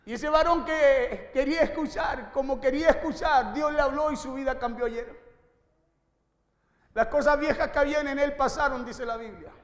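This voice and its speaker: High-voiced preacher in an echoey hall. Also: male voice, a bit bright. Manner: preaching with rhetorical questions to the congregation. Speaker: pastor. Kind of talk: sermon. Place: church hall.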